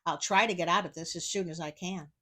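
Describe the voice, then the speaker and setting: A woman's voice: fairly low pitch, fast talker, sharp tone. Storybook tailor, a boastful man made meek, close to a plain reading voice, as a woman reader gives him. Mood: scheming. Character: boastful male tailor, nervous servant.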